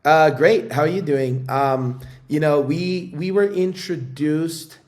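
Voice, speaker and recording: A man's voice: on the high side, slow pace, darkish tone. A man hosting a podcast interview, talking casually and hesitantly with many fillers and tag questions. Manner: hesitant, filler-heavy, frequent "right?". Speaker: podcast host.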